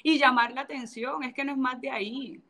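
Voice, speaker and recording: Her voice sits high and steady, a little fast, pushed and bright. She is a Cartagena woman with a Colombian Caribbean coast accent, appearing as a guest in a casual interview, where she talks bluntly and sassily and often slips into brief imitations of people.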